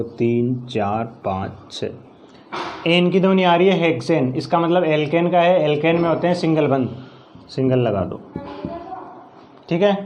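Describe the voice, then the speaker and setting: A man's voice: on the high side, a little mellow, slight background noise. A male science teacher with a Rajasthani Hindi accent, giving a classroom chemistry lesson. He explains each step, counts aloud and asks questions that he then answers himself.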